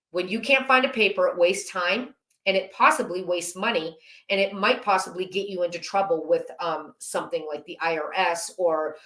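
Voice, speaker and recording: A woman's voice: medium pitch, fairly bright tone. A woman hosting a home-organizing channel, explaining her filing system in a chatty, practical way with a little self-mockery. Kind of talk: casual instructional talk to camera. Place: home office. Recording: roomy echo.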